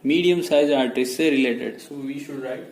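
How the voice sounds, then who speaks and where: A man's voice: medium pitch, a little mellow. Man teaching medicine in an echoey room. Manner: explains slowly, mixing Hindi and English, repeats key words. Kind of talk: whiteboard lecture. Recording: echoey room with faint noise.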